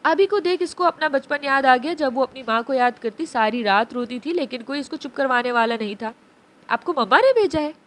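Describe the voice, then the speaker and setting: Give me a high-pitched woman reading a novel aloud in an even, steady way. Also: fairly quick, hardly any pauses. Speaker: narrator. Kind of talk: scripted novel narration.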